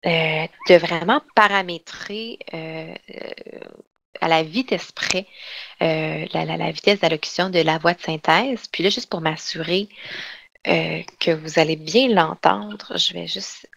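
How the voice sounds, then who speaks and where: A woman giving an online software training session, explaining in a chatty way with lots of fillers and restarts. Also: lowish voice, unhurried, vocal fry, no echo. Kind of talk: online webinar demonstration.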